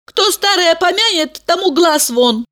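A woman voicing a stubborn young woman in love, speaking high and defiant. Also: lively intonation, measured pace, fairly bright tone, full character voice. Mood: indignant, stubborn. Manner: high-pitched, indignant, stubborn.

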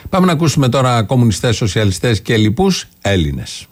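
A man's voice: mid-range voice, big pitch swings. A male radio presenter giving plain commentary on the news.

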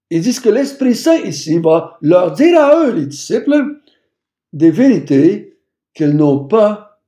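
A man's voice: high voice, mellow, echoey room. A man teaching a Bible passage, emphatic and repeating phrases for stress. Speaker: preacher.

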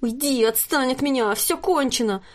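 A woman's voice: sits high, moderate pace, pitched above the performer's own voice, close to an everyday voice. A woman reading a tearful, distraught young woman. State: close to tears. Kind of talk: audiobook character reading.

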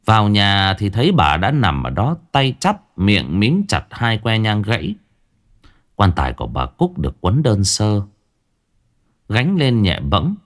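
A man tells a ghost story in a fairly low voice. His delivery is dramatic and animated, swinging widely in pitch to build suspense. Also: measured pace.

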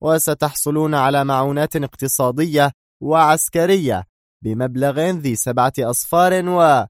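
A curt, hard-nosed intelligence agent, as a male narrator acts him out in a storybook reading, with a lifted pitch and measured, firm delivery. The recording is dry and close. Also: no echo, close to an everyday voice.

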